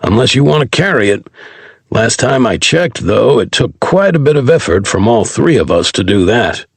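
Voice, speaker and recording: Male narrator voicing a gruff aging soldier in a sci-fi audiobook, sarcastic grumbler, husky. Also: medium pitch, expressive, moderate pace, dry recording. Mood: grumbling.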